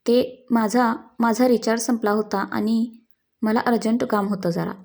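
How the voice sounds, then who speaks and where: A woman's voice: a little high, fairly even intonation, normal speed, mellow, close to an everyday voice. A woman voicing a sly, joking young man. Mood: flustered. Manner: teasing, nervous, joking. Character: young man, playful, sly, fumbling liar.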